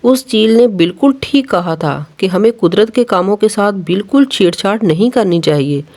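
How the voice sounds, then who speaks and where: A storyteller voicing a kind female sparrow in a children's animated story, earnest and firm. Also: medium pitch, moderate pace, natural voice. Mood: remorseful. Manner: earnest, stern when angry. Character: female sparrow Ranu, kind but remorseful.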